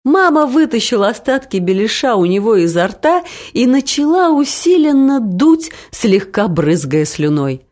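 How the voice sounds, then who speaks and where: A woman reading a comic story aloud in an expressive, animated narration. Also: on the high side, a little slow, few pauses. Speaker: audiobook reader.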